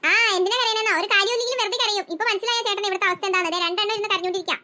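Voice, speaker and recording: A woman's voice: very high voice, steady tone, rapid-fire, bright, forceful tone. A woman voicing a harried, exasperated mother who scolds her children in a family comedy sketch. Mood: complaining. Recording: noisy home recording.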